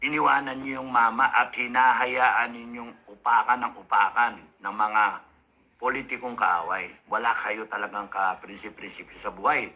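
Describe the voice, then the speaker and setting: A man's voice: mid-range voice, little pitch movement, normal speed, pushed and bright. A man ranting in a heated monologue, swearing and rambling with many fillers, like a radio commentator.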